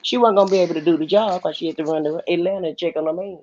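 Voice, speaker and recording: This co-host of a livestream has a lowish, slightly mellow voice, fairly even intonation, and a rapid-fire delivery as she gossips casually and opinionatedly over a call. Her muffled, lo-fi audio carries a little hiss or hum.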